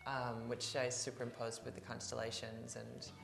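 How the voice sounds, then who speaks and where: A woman in her thirties with a very low, gravelly voice talks about her work in an unhurried, reflective way, often stopping and restarting her sentences. She is recorded in her studio, set back from the mic, with a roomy echo and music playing behind her. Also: level tone, recorded from a distance. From Australia. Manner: hesitant, reflective, many restarts and soft laughs. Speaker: artist. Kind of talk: casual interview talk.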